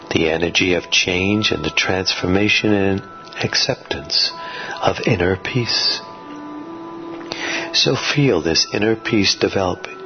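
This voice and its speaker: A man narrating guided sleep hypnosis like a soothing sleep-story narrator, with measured, repetitive, suggestive phrasing. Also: low voice. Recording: dull lo-fi audio under music. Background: music.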